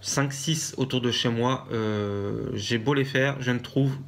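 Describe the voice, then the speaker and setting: A man from France with a French accent, chatting casually in a craft haul vlog and pausing often with fillers and restarts. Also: mid-range voice, fairly even intonation. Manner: hesitant, many fillers and restarts. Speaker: vlogger.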